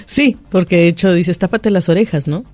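A chatty host with a high but mellow voice keeps the talk moving with frequent agreement. Faint music sits under his voice. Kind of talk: casual radio talk.

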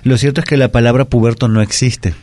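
A man's voice: mid-range voice, fairly even intonation, fast talker, darkish tone, no room sound. A man, explaining word usage carefully and methodically as a language expert on a talk segment.

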